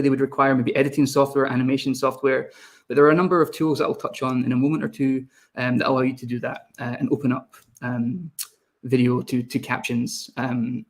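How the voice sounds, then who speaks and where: The speaker, a young adult Scot who leads a video team, rattles through a live webinar while talking to the chat. His pitch is medium and his intonation stays fairly even.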